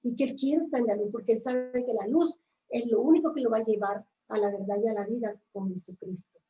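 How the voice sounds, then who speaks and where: A woman's voice: a little high, fairly quick, mellow, echoey room, distant mic, muffled recording. A woman from a church ministry, reflecting on faith in a casual chat and checking for agreement with tag questions.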